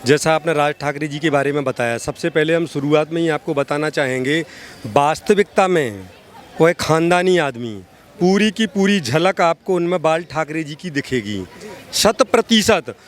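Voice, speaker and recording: A social activist in a street interview, this man delivers impassioned political opinion in an oratorical, emphatic style, repeating phrases for stress. His voice is fairly high and animated, at a moderate pace.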